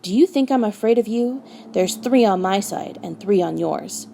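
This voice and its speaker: A woman's voice: medium pitch, expressive, normal speed, vocal fry, dark tone, a little hiss or hum. Woman playing a cold, bitter dwarf rebel. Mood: defiant, angry. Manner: sneering, argumentative, snapping.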